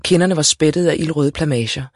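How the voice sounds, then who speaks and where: A man narrating a first-person storybook in a lively, wry way. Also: on the high side, dry recording, studio quality. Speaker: audiobook narrator.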